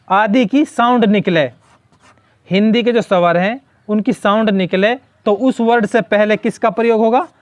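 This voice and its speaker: A man's voice: high voice, dry recording. A male teacher explaining English grammar in Hindi, asking a question and then answering it himself, repeating the key word.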